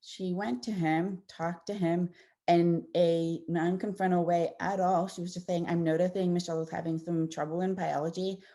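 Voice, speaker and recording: Presenting slides to parents in a casual talk, a woman audiologist speaks conversationally, her warm explanations dotted with fillers and restarts. She has a lowish voice that moves little in pitch, at a moderate pace.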